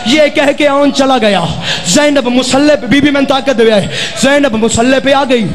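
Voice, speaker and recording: A male reciter delivers a Muharram majlis elegy in an extremely high voice. He is impassioned throughout and often shouts his lament. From Pakistan.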